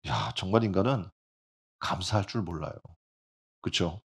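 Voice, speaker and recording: A male pastor preaching a sermon in an animated way, often putting rhetorical questions to the congregation. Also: low voice, moderate pace, gravelly, slightly rough.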